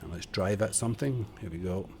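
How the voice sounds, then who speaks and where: A low, mellow male voice, a touch fast, comes through with slight background noise. The man is streaming a building game from home via a desk condenser microphone, casually chatting and muttering while he builds, with a self-deprecating streak to his tutorial commentary.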